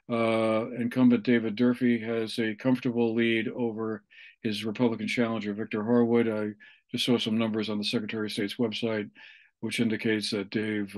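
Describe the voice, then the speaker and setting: A man in his sixties giving an unscripted election report over a video call, in halting, measured phrases. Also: medium pitch. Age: 60s. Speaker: local election correspondent. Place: small room at home, indoors. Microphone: video call on computer microphone.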